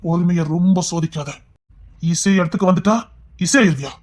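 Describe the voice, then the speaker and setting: A man voicing a stern, furious middle-aged uncle in an audio drama, shouting threats in loud outbursts. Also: high-pitched, moderate pace, lightly acted. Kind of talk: Tamil audio drama acting.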